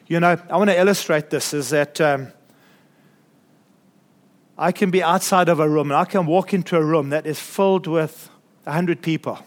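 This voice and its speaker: A man's voice: on the high side, normal speed, pauses often. A man preaching a sermon to his congregation in a church, earnest, with chuckles and asides. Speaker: pastor.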